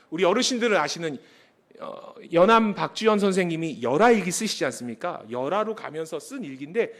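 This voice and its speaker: A man preaching as a missionary, telling stories and joking with the congregation, asking them questions. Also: sits high. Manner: lively, jokes with the congregation, asks questions. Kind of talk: sermon with storytelling.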